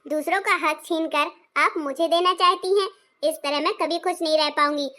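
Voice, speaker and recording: A woman's voice: high voice, steady tone, normal speed, pushed and bright. A woman voicing an outspoken young daughter who firmly sets her mother right, in a family skit. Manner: firm, earnest. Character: outspoken young daughter visiting home, fair-minded.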